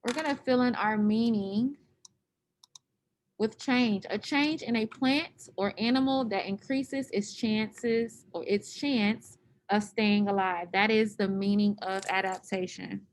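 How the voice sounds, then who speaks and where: A woman's voice: mid-range voice, fairly even intonation, slow pace, slight background noise. A woman teacher leading an online class, patiently explaining step by step over a computer microphone.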